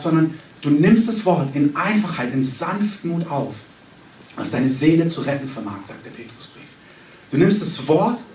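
A man giving a charismatic sermon in an emphatic, conversational way, recorded by a distant mic in a hall. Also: fairly high pitch. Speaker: preacher. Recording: echoey hall, distant mic, faint room noise.

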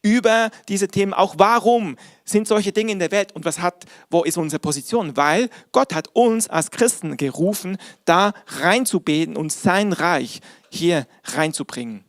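A man's voice: high voice, a little slow, few pauses, no echo, studio quality. A man preaching a sermon as pastor, earnest and speaking directly to his congregation.

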